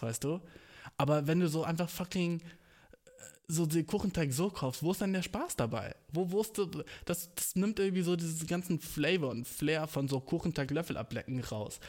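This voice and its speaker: A man's voice: on the high side, darkish tone. A young man ranting in a casual, comedic way, full of slang, English words and swearing, with playfully exaggerated outrage.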